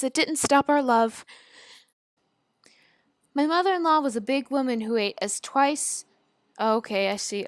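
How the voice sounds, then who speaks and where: A young woman hosting a video gives casual reaction commentary and an amateur read-aloud of fan fiction, giggly and informal, stumbling over the text and rereading it. Her voice sits high with a fairly bright tone, in studio quality with no echo.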